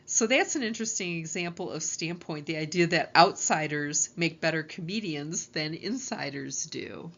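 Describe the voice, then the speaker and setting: A woman's voice: deep voice, lively intonation, moderate pace, few pauses, fairly bright tone, muffled recording. A woman college lecturer, explaining course ideas over slides in a conversational teaching tone.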